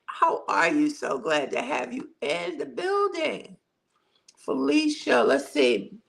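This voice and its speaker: A woman's voice: high-pitched, wildly swooping pitch, slow, gravelly, low-quality recording. A middle-aged woman hosting a casual livestream chat from home. She talks in a chatty way, repeats words for emphasis and reads out viewer comments. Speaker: livestream host.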